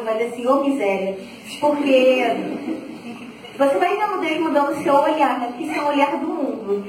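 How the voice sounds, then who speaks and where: A young woman giving a lively, chatty faith testimony, acting out her own past reactions. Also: sits high. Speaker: community member giving testimony. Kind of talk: personal faith testimony talk. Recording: very echoey, from far off, faint noise.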